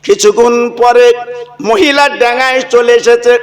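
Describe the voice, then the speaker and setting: A man's voice: very high-pitched, steady tone, slow. A man preaching a sermon, telling a story with acted dialogue and asides to the crowd.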